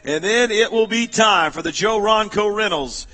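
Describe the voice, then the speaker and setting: Bright high-voiced male race announcer. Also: normal speed. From United States. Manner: energetic, rallying the crowd. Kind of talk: public address race commentary.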